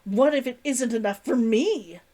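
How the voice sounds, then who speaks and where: A woman's voice: on the high side, big pitch swings, a little slow. A woman voicing an irritable, hostile companion who growls objections in a story reading. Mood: angry, indignant. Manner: growling, indignant. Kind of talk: acted dialogue in a story reading.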